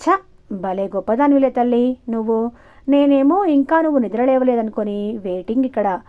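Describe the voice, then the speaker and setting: A woman's voice: a little high, animated, normal speed, lightly acted. A woman voicing a teasing, sarcastic young man who is an older cousin, reading audiobook dialogue. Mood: mocking. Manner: mocking, sarcastic. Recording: muffled lo-fi recording.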